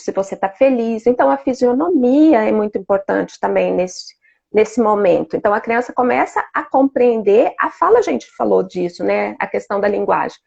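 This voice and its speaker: Guest expert, woman, slightly high, gravelly, calm explainer; dull lo-fi audio. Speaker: speech therapist guest. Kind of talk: live-stream talk. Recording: dull lo-fi sound.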